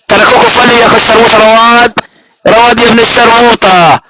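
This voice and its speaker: Jeering Levantine man, fast and high. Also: steady tone. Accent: Levantine Arabic. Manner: repetitive, jeering, hurls abuse. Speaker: voice-chat room participant. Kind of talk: taunting insult rant. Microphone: phone in a voice-chat app. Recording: heavy background noise.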